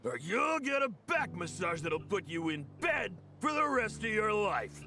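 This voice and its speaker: A man voicing a gruff, defensive older blacksmith and father in a video game. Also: high-pitched, big pitch swings, unhurried, sharp tone, full character voice. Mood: blustering. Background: music.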